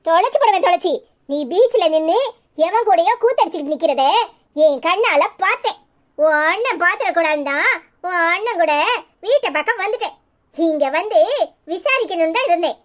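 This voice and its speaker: A woman voicing a hot-tempered, anxious young wife in a cartoon, with a Tirunelveli Tamil accent and a scolding, fretful way of talking. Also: extremely high pitch. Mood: angry.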